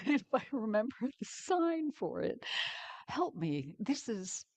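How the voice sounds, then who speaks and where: An older woman, a guest minister, giving a candid, personal sermon in a slow, pausing way. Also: fairly high pitch, big pitch swings, dry recording. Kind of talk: conversational sermon.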